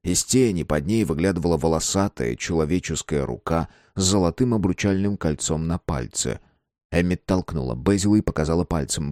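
A man narrating an audiobook in a lively, expressive reading. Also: deep voice, no echo, studio quality. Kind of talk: scripted narration.

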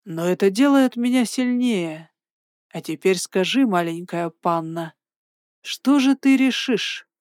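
A woman's voice: mid-range voice, lively intonation, darkish tone, no echo, clean studio sound. Woman putting on a hissing unseen villain. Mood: mocking menace. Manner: slow, drawling, mocking. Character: cold hissing unseen male creature, mocking villain.

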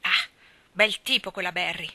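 A stern, practical older guardian, as a woman reader puts her on, speaking in a brisk, no-nonsense way. Her words come out crisp and bright. It is a storybook reading. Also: mid-range voice, no room sound, lightly acted. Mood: irritated.

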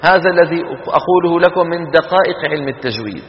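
A man giving a classroom lecture on Quran recitation, explaining slowly and drilling students to repeat sounds. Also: fairly high pitch, expressive. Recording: dull lecture hall recording.

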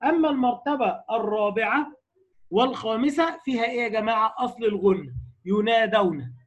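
High-voiced Egyptian tajweed teacher. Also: male voice, highs cut off. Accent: Egyptian Arabic. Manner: brisk explanatory, asks the class rhetorical questions. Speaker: Quran recitation teacher. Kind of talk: tajweed lecture.

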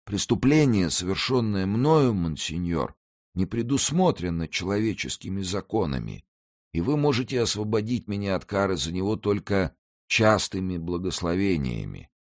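A man's voice: low voice, very animated, moderate pace, pitched above the performer's own voice. A man voicing an old male beggar who is humble, pious and tormented in an audiobook. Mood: hushed.

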